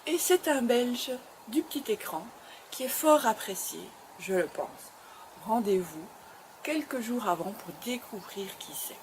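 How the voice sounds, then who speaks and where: A woman's voice: a little high, animated, measured pace, a little hiss or hum. Upbeat woman urging viewers on. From Belgium. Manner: encouraging, emphatic, repeats phrases. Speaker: web show host. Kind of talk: motivational address to camera.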